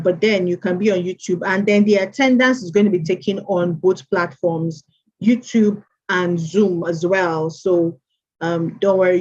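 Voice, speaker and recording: A husky woman's voice, darkish and on the low side, greets people by name as she hosts an online mentorship session. Chatty and repetitive with her welcomes, she reads names aloud over dull lo-fi stream audio.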